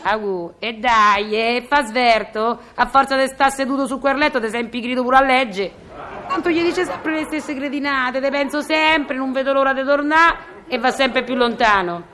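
A gossipy Roman doorkeeper. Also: female voice, high-pitched, normal speed, fairly bright tone, slight background noise. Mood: grumbling. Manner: chatty, sarcastic, mock-polite on the phone. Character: gossipy sharp-tongued Roman woman doorkeeper. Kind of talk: radio comedy monologue.

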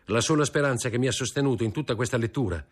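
A man's voice: fairly low pitch, animated, fairly quick. A man voicing a desperate young nobleman who pleads and begs in an impassioned voice, in an audiobook reading of a novel.

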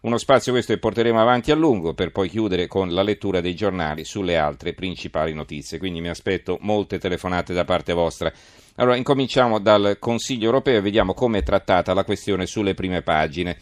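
A man's voice: deep voice, fairly quick, no echo, clean studio sound. A man hosting a live radio press review, reading out headlines and commenting on them. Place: radio studio.

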